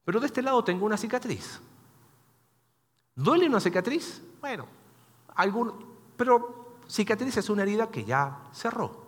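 A pastor preaches with a bright, raised voice that rises and falls with great animation. He talks to his congregation conversationally, putting questions to them. The sound carries a long echo from the church hall. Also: high voice, big pitch swings, normal speed, pauses often. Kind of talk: sermon.

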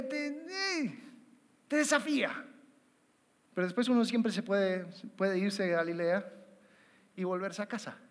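A man giving a conversational sermon, animated and acting out little inner dialogues, with frequent repeated words. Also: high-pitched, big-room sound. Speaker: preacher.

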